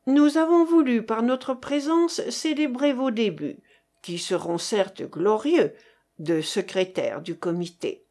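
A woman's voice: a little high, takes it slowly, darkish tone. A woman voicing a tall bearded young man student who teases his friends. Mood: teasing.

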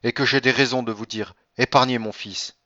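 A man's voice: medium pitch, fairly even intonation, normal speed, sharp tone, dry recording, close to an everyday voice. A man reading an audiobook, voicing an anguished noble mother who pleads with emotion. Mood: pleading. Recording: dull lo-fi dry recording.

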